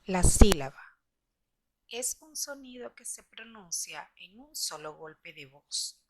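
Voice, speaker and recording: Woman teacher, scripted lesson, slow careful explaining, dry close sound. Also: mid-range voice, animated, darkish tone, no room sound. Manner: slow, deliberate explaining to children.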